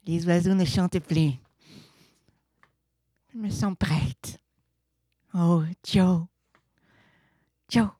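A man with a Québécois accent voicing a melodramatic young heroine from a photo-novel, in a slow, swooning delivery. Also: sits high, dark tone, no room sound, studio quality, exaggerated voice. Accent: Québécois French.

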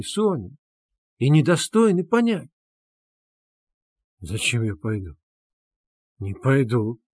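A man's voice: mid-range voice, husky, no echo, clean studio sound, heavily acted. A man playing a tormented young man who speaks bitterly and sardonically in an audiobook.

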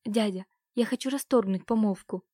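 A woman's voice: medium pitch, moderate pace, warm tone, no room sound, clean studio sound, close to an everyday voice. A woman voicing a stubborn, desperate eighteen-year-old noble girl who defies and then pleads with her uncle. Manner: defiant, pleading.

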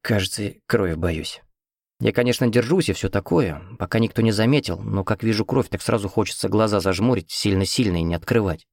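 A man voicing a timid young female medical student who speaks quietly and hesitantly. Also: on the low side, fairly quick, creaky, no echo, clean studio sound. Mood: shy.

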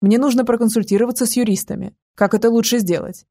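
A woman's voice: on the high side, steady tone, fast talker, dark tone. A woman voicing a thirty-year-old sheikh, remorseful and hesitant, in an audiobook. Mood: conflicted. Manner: hesitant, conflicted speech.

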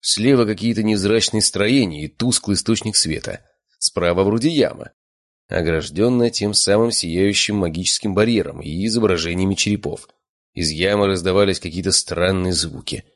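Low-voiced guy reading a first-person audiobook, wry matter-of-fact, dry close sound. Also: moderate pace, no room sound. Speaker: audiobook narrator.

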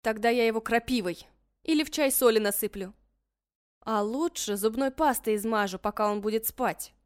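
Brief: male narrator doing a teenage sister, bossy but caring, pitched high in a dry booth. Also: normal speed, clean tone, dry recording, lightly acted. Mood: coaxing. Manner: coaxing and bossy by turns. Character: teenage girl, protective and feisty older sister. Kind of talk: audiobook character voice.

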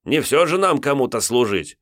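A man's voice: medium pitch, very animated, normal speed, a bit bright, no echo, clean studio sound, pitched above the performer's own voice. A man voicing a sly, scheming middle-aged male steward with a mocking manner.

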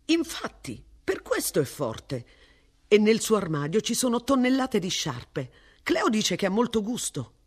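A woman's voice: mid-range voice, sing-song, a little slow, breathy edge, voice pushed up. A woman voicing a cheerful, overfamiliar young man with a breezy, chatty manner in a story reading.

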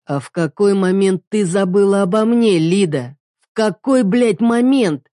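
A woman's voice: sits low, normal speed, dark tone, no room sound, studio quality, lightly acted. A woman voicing a jealous, hostile husband who swears and makes curt demands.

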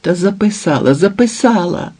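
Guy putting on a teary old nanny lady, shrill and wailing, husky underneath. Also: lively intonation, takes it slowly, dark tone, exaggerated voice. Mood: flustered. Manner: high-pitched wailing cries. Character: elderly nanny woman, tearful and excitable.

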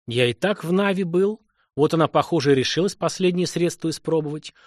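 A man voicing a modest, respectful young craftsman who speaks quietly and earnestly. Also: on the high side, brisk, no room sound, clean studio sound, pitched above the performer's own voice, close to an everyday voice.

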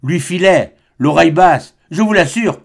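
A man voicing a scornful old atheist of about eighty who talks roughly and mockingly. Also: fairly high pitch, animated, a little slow, heavily acted.

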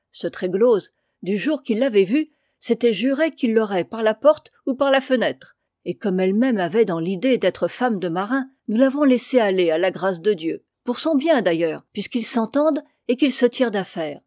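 A woman's voice: mid-range voice, animated, darkish tone, no room sound, clean studio sound, natural voice. A woman voicing a chatty old farm wife. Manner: brisk, talkative, exclaiming.

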